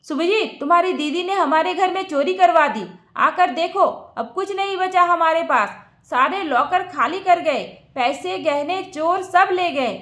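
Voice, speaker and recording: A woman voicing an angry, sharp-tongued young wife who shouts accusations. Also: extremely high pitch, a little slow, echoey room.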